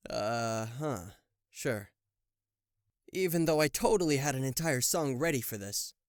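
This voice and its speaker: In this roleplay audio drama, a man plays a showy, proud demon king of hell who addresses the listener with sarcasm, stammering in disbelief while sounding exasperated and mocking. His mid-range voice is expressive and unhurried, close to an everyday voice, captured in a clean studio with no room sound.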